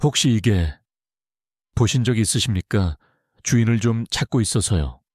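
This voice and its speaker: A man's voice: lowish voice, animated, moderate pace, slightly rough, dry recording, studio quality. A man voicing a polite young man who asks questions in formal speech.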